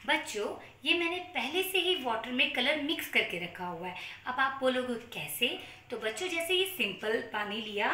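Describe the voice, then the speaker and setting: An Indian-accented woman speaks to young children as their kindergarten teacher. Her voice is high and bright, with big swoops in a sing-song, questioning manner and a playful touch of kids' magician patter. It is recorded in an echoey small room. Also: a little hiss or hum. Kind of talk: children's lesson presented to camera. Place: small room at home, indoors.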